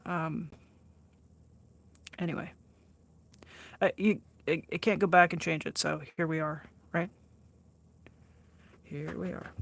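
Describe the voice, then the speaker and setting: Reading chat on her art livestream, a sixty-something woman answers viewers in a casual, chatty way, laughing a lot, poking fun at herself, and often restarting. Her voice is mid-range and there's no room sound.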